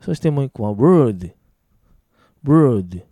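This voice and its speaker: A man teaching an English pronunciation lesson, brisk and casual, with playful asides. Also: mid-range voice, very animated, dark tone, no echo, studio quality. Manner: brisk teacherly, slows right down to model English words clearly; casual rough-edged male speech, playful asides.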